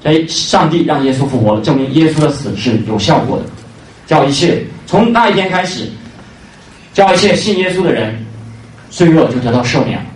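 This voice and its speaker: A man preaching an evangelistic sermon with emphasis, repeating key phrases and pausing on fillers between points. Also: fairly high pitch, lively intonation. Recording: roomy, distant mic, faint noise.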